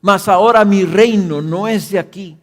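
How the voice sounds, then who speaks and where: A man reading the words of a calm man on trial in a scripture reading, in a measured, solemn way. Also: high-pitched, voice pushed up.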